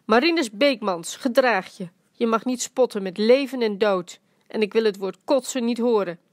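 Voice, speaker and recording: A woman's voice: fairly high pitch, moderate pace, a little mellow, no echo, studio quality, natural voice. A woman doing a snapping, indignant old great-aunt.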